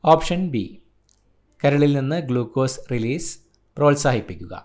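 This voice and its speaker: Tutor from Kerala, male, mid-pitched, brisk clipped delivery of exam answers. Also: animated, darkish tone. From Kerala, India. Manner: brisk, listing answers in short clipped phrases. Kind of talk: reading out an exam answer key.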